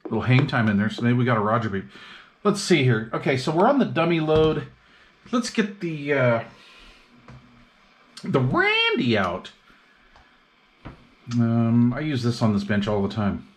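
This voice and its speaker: Unhurried and pausing often, a medium-pitched man with big pitch swings mutters his way through a radio repair demo. He's a casual, slangy hobbyist vlogger at an indoor workbench, and clicks and noise clearly mark the recording.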